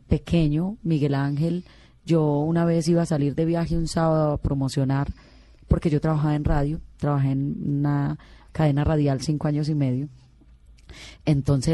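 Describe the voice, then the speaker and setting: Earnest Colombian woman singer, low voice. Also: dark tone, no echo. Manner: earnest, heartfelt, many restarts. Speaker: singer being interviewed. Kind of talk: emotional personal storytelling.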